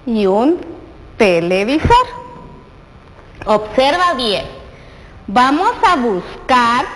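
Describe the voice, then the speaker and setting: A woman with a Guatemalan Spanish accent, teaching a preschool TV lesson and coaxing a child with slow, questioning prompts. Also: on the high side, fairly bright tone, big-room sound, a little hiss or hum, rough recording. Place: television studio.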